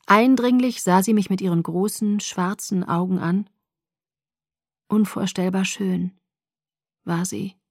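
A woman reading an audiobook in steady first-person narration. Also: mid-range voice, slow, long pauses, no echo, studio quality.

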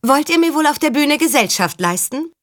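A woman's voice: high voice, expressive, normal speed, long reverb tail, pitched above the performer's own voice. A woman playing Saga, a brash young showwoman. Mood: teasing. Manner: loud, showy stage patter. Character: quick-witted young female street performer, brash and mocking.

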